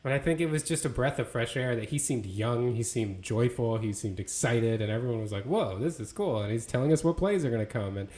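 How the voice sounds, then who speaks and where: A man's voice: medium pitch, lively intonation, a little fast, few pauses, a little mellow. A man co-hosting a casual sports podcast, talking in a loose, conversational way full of fillers and restarts. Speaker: podcast co-host.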